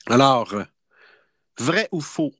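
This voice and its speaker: A man's voice: mid-range voice, animated, extremely slow, a bit bright, husky, no room sound, studio quality. A man with a Québécois French accent hosting a casual online quiz show, playful and chatty. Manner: playful, chatty, laughs often. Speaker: quiz host.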